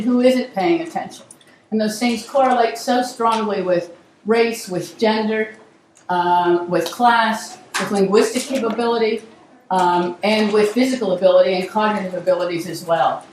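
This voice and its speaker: A middle-aged woman who directs a university program welcomes a live audience to a workshop in a seminar room, speaking conversationally in a mid-range voice that sounds weak and strained, with many ums and restarts. The room is echoey and she sounds far from the mic, though the noise is clear.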